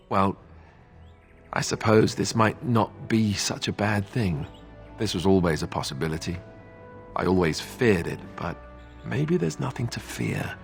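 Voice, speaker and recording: A man with a lowish voice plays a young heir to a throne in a fantasy video game, a character full of self-doubt. His delivery is earnest and wry, conversational and hesitant.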